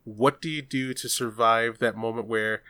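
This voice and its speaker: A man's voice: mid-range voice, moderate pace, dry recording. A man in casual podcast chat, telling stories with acted-out quotes. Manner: animated storyteller, acts out quotes.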